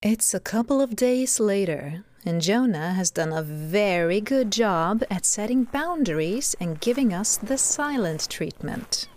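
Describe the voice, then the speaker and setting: A woman's voice: medium pitch, lively intonation, unhurried, hardly any pauses, darkish tone, no room sound, close to an everyday voice. A woman playing a disembodied, commanding voice of God who narrates and coaxes in an audio drama. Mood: wry, insistent.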